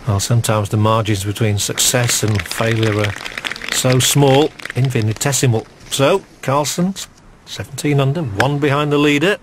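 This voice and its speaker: A man's voice: medium pitch, moderate pace. A middle-aged man giving live golf commentary in a conversational, musing way with understated enthusiasm. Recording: noisy outdoor broadcast ambience.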